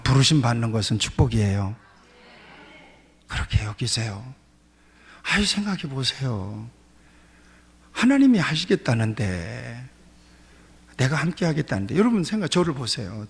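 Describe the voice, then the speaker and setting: A man's voice: mid-range voice, sing-song, normal speed, gravelly, pauses often, breathy edge. A male pastor preaching a sermon in a church sanctuary, emphatic, often repeating his key phrases. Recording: reverberant church hall.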